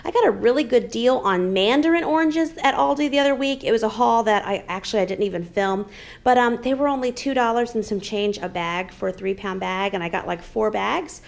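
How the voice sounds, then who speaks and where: A pregnant home vlogger in her thirties chats casually while showing her groceries in her dining room, rambling and using lots of fillers. Her voice is on the high side and gravelly.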